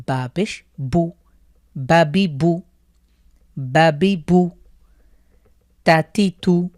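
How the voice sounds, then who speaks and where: A man's voice: a little high, a little mellow, no room sound, clean studio sound. A man with a Bangladeshi Bengali accent teaching Quran reading, patiently explaining and chanting syllable drills aloud. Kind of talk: step-by-step recitation lesson.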